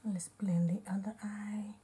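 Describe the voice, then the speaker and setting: She speaks unhurriedly in a level, mellow, medium-pitched voice, a bit hoarse and congested, as she casually narrates every step of an unedited makeup tutorial for her beauty vlog.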